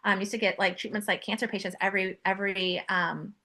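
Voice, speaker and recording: A woman in her forties, a podcast guest, telling her story in a chatty, animated way full of fillers. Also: mid-range voice, fast talker. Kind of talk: casual interview chat.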